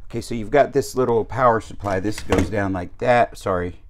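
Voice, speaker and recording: Man, lower-pitched, casual RV tour narration, handheld camera mic indoors. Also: moderate pace, noisy background. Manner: easygoing, chatty, with frequent uh fillers and small restarts. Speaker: RV salesman giving a walkthrough tour. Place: inside a travel trailer. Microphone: handheld camera mic while walking.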